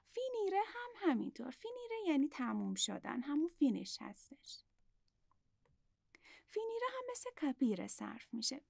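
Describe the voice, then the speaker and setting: A woman teaching a language lesson, explaining patiently step by step and repeating words slowly. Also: high voice, sing-song, vocal fry, darkish tone, dry recording, clean studio sound.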